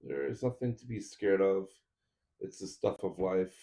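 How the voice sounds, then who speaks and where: A man's voice: deep voice, measured pace, gravelly, dark tone. A man streaming a 3D printer build, chatting casually with viewers while he assembles parts. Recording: roomy echo.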